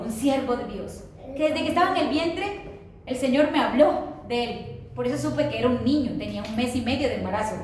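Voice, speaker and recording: Woman, preacher, high voice, emphatic call-and-response sermon, booming echo of a large hall. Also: a little mellow, a little hiss or hum. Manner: emphatic, asks the congregation to repeat after her. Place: church hall. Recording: very echoey hall, voice from far off. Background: congregation answering.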